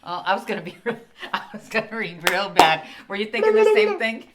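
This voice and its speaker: A woman's voice: mid-range voice, wildly swooping pitch, a little fast, heavy background noise. A woman with a Texan accent co-hosting a casual chat podcast, teasing and laughing often. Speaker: podcast co-host.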